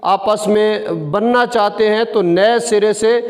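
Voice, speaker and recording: A man's voice: sits high, in a large hall. A man, a mufti, methodically explaining a religious ruling case by case. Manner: methodical, lays out numbered cases step by step.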